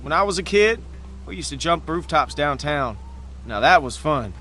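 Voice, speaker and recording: A man's voice: a little high, expressive, normal speed, a bit bright, faint music behind. An actor playing an easygoing, protective young man in a dramatic video game, with a casual, reassuring manner. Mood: teasing, easygoing. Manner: casual, reassuring, stammering repetitions.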